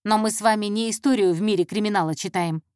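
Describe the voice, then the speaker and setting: A woman's voice: mid-range voice, fast talker, darkish tone, smooth, no echo, lightly acted. Brief: impatient no-nonsense cop, short clipped replies, voiced by a woman reader. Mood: curt. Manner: dry, clipped, dismissive. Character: curt, impatient male police investigator. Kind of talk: audiobook character voice.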